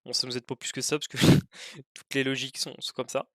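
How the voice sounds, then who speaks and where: A man's voice: medium pitch, little pitch movement, a little fast, fairly bright tone, no room sound, studio quality. A young man tutoring test prep, working through puzzles aloud in a casual, hesitant way with many fillers. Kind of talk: informal worked-example lesson.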